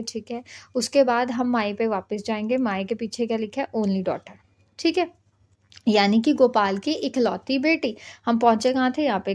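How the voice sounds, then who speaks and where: With a voice on the high side and a little mellow, this woman from India walks students through exam-prep reasoning one step at a time. She stays patient, often checking in with "ठीक है," meaning "okay."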